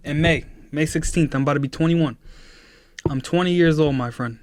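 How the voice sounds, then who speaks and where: A twenty-year-old man talking to his live-stream chat in a casual, earnest way, slipping into preachy motivational talk. His voice sits a little high for a man. It is close and dry, with no room sound. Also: moderate pace, dry recording.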